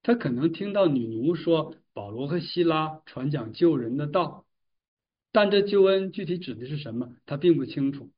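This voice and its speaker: A man giving a Bible exposition, retelling and explaining a passage in a measured storytelling way. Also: fairly high pitch, animated. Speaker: Bible teacher. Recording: distant mic, dull lo-fi sound.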